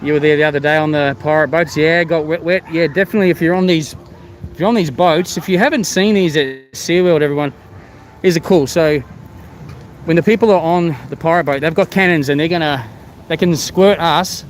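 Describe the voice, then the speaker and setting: An Australian man hosts a casual live stream in a slightly high voice, muffled as if with a hand over his mouth by the mask he wears. He is chatty and hesitant as he talks to viewers. Faint outdoor noise sits behind him. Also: a little fast. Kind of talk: casual live vlog chat, greeting viewers. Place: outdoors at a theme park. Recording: outdoor ambient noise, vehicle sounds.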